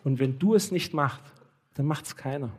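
A man's voice: a little high, moderate pace, husky. A man preaching a sermon as pastor, telling a story vividly and speaking directly and earnestly to his listeners. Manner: lively storytelling, acting out dialogue.

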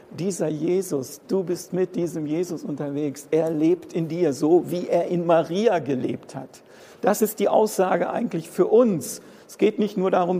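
A man's voice: on the high side, warm tone, slightly rough, in a large hall. A man preaching a sermon, impassioned, repeating phrases for emphasis. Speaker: pastor. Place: church hall.

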